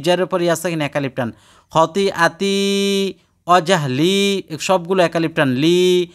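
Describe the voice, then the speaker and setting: A man from Bangladesh, teaching the careful recitation of prayers, drawing out each vowel slowly. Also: a little high, a bit bright. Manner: slow, careful, drawn-out recitation. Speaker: religious teacher. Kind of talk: teaching dua pronunciation.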